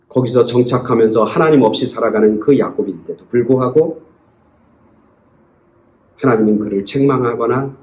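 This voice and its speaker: A man preaching a sermon as pastor, pressing hard on key points and dropping soft and slow for quoted scripture. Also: mid-range voice, roomy sound, poor audio. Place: church sanctuary.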